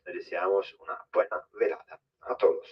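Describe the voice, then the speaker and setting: Man announcing over a ship loudspeaker. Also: low voice, steady tone, husky. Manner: polite, measured announcing. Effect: over a ship's loudspeaker. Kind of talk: formal public address announcement. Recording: distant muffled loudspeaker in a cabin.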